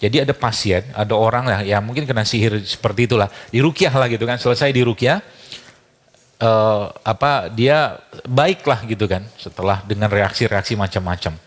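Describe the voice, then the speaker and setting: A man's voice: lowish voice, normal speed. A man giving a casual talk full of anecdotes. He chuckles often and acts out the dialogue he quotes.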